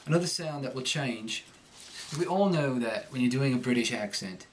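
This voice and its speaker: Man, mid-pitched voice, coach, conversational teaching, explains pronunciation step by step. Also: lively intonation, moderate pace, a little hiss or hum, poor audio. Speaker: accent coach. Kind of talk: instructional lesson with pronunciation demonstrations.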